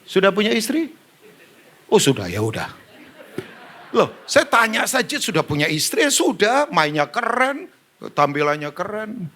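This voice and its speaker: Speaking in a high voice at a measured pace with frequent pauses, a middle-aged pastor with an Indonesian accent delivers a sermon built on stories. He jokes, acts out conversations, and addresses the band and congregation in an animated way.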